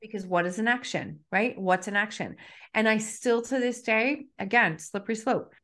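A woman's voice: medium pitch, normal speed, fairly bright tone. A middle-aged woman speaking candidly and reflectively as an author on a podcast, with emphatic stresses. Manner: reflective and emphatic, self-disclosing. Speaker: author and guest. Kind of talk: candid conversational podcast talk.

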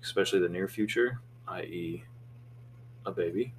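Brief: young man, deep voice, earnest, slightly anxious podcast co-host. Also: moderate pace, slight background noise. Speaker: podcast co-host, salon co-owner. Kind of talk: casual chat.

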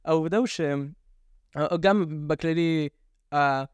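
Young man with a French accent, clear voice. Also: on the high side, no room sound. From French immigrant raised in Netanya, Israel. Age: young adult. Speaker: podcast guest. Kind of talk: casual chat.

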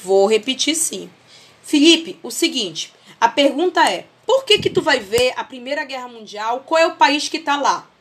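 A woman's voice: sits high, expressive, normal speed, breathy edge. A woman with a Brazilian accent teaching a history class over a video call, explaining with homely family comparisons and often checking that students follow.

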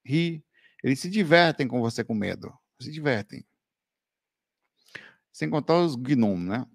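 A man's voice: mid-range voice, measured pace, vocal fry, dry recording, studio quality. A Brazilian man, hosting a casual live stream and telling stories with lots of slang and laughter. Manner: animated storytelling, laughing, slangy with "velho" and "cara". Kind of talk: casual live chat answering viewer questions.

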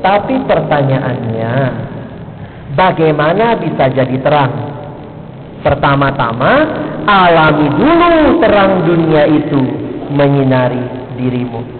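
Middle-aged male preacher, high voice, emphatic peaks and low asides, echoey hall, thin lo-fi sound. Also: sing-song, slow pace, pauses often, a little hiss or hum. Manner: rises to emphatic peaks and drops low, acts out street characters. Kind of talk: sermon. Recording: echoey hall, phone-like band.

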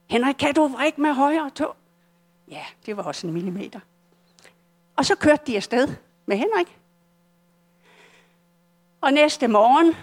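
An older woman with a Danish accent shares her personal story at a church service as a testimony. Her voice is on the high side, and she speaks earnestly and haltingly, often starting her sentences over.

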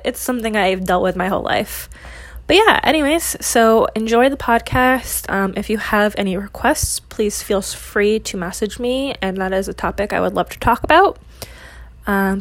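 A woman podcast host speaking casually and conversationally, with a slight lisp, drawn-out S sounds and slightly slurred words. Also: medium pitch, dry recording. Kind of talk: casual solo podcast introduction.

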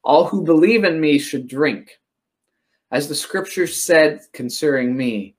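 A man's voice: on the high side, a little slow, lightly acted. A man quoting Jesus as an emphatic male teacher making a bold declaration. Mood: proclaiming.

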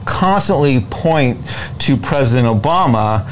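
American man explaining deliberately, noisy background. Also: mid-range voice, expressive. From United States. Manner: deliberate, emphatic, repeats phrases in lists. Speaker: interview guest, presidential candidate. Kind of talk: explanatory political interview talk. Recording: noticeable background noise.

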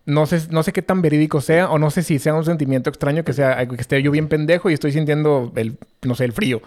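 A young Mexican man spins a rambling tale in loose street slang, leaning on fillers as he goes. His voice sits a little higher than most men's. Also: steady tone, quick pace, darkish tone. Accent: Mexican Spanish. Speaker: storyteller. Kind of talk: casual chat.

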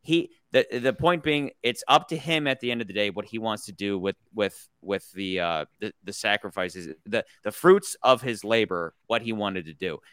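A fairly low-pitched American podcast host reviews movies in casual chat, speaking at normal speed with hardly any pauses. His voice is smooth and crisp, his tone bright and forceful. Rambling, opinionated and profane, he frequently restarts his points. He sits close to the mic in a dry room without echo.

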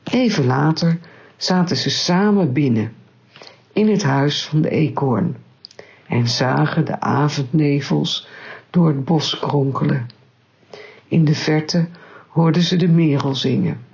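A woman reading a children's story aloud in a calm, measured way. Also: deep voice, creaky, husky, dull audio.

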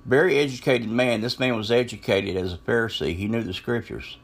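A man's voice: mid-range voice, a little fast. A man giving informal Bible teaching, quoting verses and retelling scripture loosely with restarts and asides. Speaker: lay preacher.

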